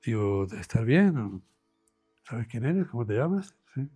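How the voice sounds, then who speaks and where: Spanish doctor, dark husky storytelling voice. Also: male voice, mid-range voice, a little slow, soft background music. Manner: animated storyteller, acts out dialogue in quoted voices. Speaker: doctor telling his own experience. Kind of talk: storytelling in an interview.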